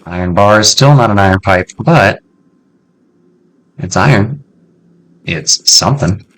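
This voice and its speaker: A man hosting a casual let's-play, chatting to himself in an excitable way and swearing freely as he loots. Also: on the low side, a little slow, faint music behind. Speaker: gameplay video host.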